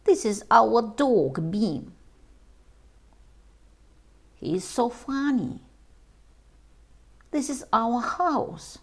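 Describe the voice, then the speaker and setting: A woman reading a homework lesson aloud for young children, slowly and carefully, as their English teacher. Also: fairly high pitch, sing-song.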